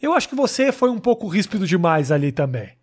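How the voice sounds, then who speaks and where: Man, Brazilian accent, husky, fast-talking, teasing host, casual chat. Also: high-pitched, big pitch swings. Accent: Brazilian Portuguese. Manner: teasing, quick interjections. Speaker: podcast host.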